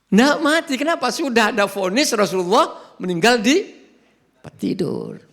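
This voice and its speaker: A man's voice: sits high, normal speed. A middle-aged man with a Javanese accent, preaching a sermon and acting out the dialogue of the stories he tells. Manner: storytelling, acts out dialogue, animated.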